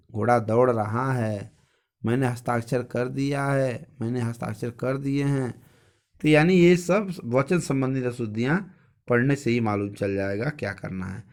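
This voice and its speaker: A male teacher giving a grammar lesson, asking a question and answering it himself, and repeating each word slowly and carefully. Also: medium pitch.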